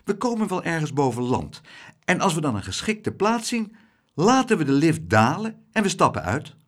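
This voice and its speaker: A man voicing an earnest, steady young boy in an audiobook, raising his voice to sound like a child. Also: on the high side, moderate pace, voice pushed up. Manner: earnest, matter-of-fact.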